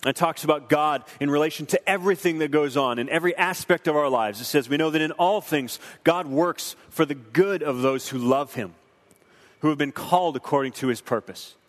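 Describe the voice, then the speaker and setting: Man, young adult, earnest preacherly film commentary, slightly raised pitch, echoing hall. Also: a little fast. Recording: long hall reverb.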